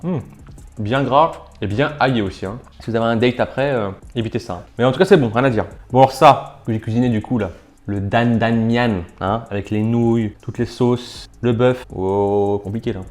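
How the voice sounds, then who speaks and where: A man hosting a food video at home talks in a loose, chatty way, full of fillers, as he cooks and tastes dish after dish. His voice sits at a plain middle pitch, and he chews between short phrases. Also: a little fast, darkish tone. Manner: chatty, filler-heavy, talks while tasting and eating. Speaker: food challenge video host. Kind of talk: casual food vlog commentary. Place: at home kitchen and dining table.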